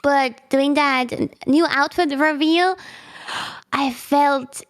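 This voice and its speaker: A bubbly, giggly streamer guest whose first language is German chats casually on a video call interview, frequently restarting sentences. Her voice sits high and slow, with fairly even intonation.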